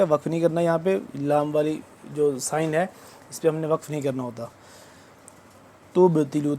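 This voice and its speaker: A man teaching Quranic recitation word by word. He draws out each recited word slowly, then explains the rules in quick speech. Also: fairly high pitch, warm tone. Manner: alternates slow drawn-out recitation with quick spoken explanations.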